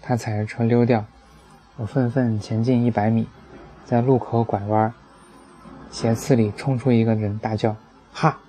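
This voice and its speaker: A man's voice: mid-range voice, flat delivery, moderate pace, pauses often, dark tone, soft background music, rough recording. A man reading a personal essay aloud as an audiobook, telling it in a wry, dry way. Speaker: narrator.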